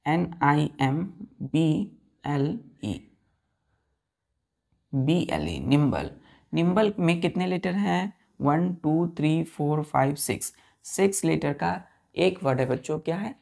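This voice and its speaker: Woman, Indian accent, gravelly voice, classroom vocabulary lesson, spells words letter by letter. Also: sits low, animated, slow pace, a little mellow. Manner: spells words letter by letter and repeats questions to students. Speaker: English vocabulary teacher.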